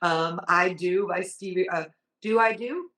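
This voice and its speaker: A woman with an upbeat, enthusiastic cruise director manner answers casually in an interview. Her voice sits a little low. She is recorded in an echoey room, some way from the mic. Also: unhurried, fairly bright tone, recorded from a distance.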